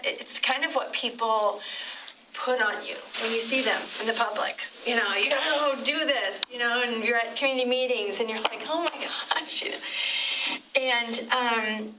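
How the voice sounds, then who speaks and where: Middle-aged woman commissioner, emotional, halting and rambling, higher voice, picked up from afar in a commission chamber. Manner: halting and digressive, many restarts. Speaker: city commissioner. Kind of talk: unscripted tribute speech at a public meeting. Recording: distant mic with clear room noise.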